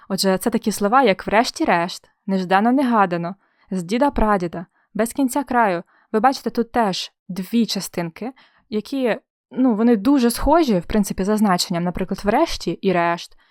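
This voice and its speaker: A woman's voice: medium pitch, dry recording, clean studio sound. A young woman teaching an exam-prep spelling lesson, explaining in a friendly way with playful comparisons and questions to the viewer.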